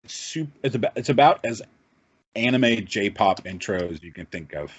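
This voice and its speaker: A man co-hosting a gaming podcast, chatting casually with quick, offhand remarks. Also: lowish voice, lively intonation, breathy edge, no room sound. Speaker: podcast co-host. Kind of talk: casual chat. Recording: dull lo-fi podcast audio.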